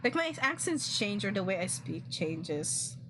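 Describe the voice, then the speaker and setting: A young woman with a medium-pitched, sing-song voice chats casually while drawing on a stream, speaking a little slowly over a noisy background. She has a Filipino accent, her first language is a regional Philippine one, and her talk is full of fillers and restarts.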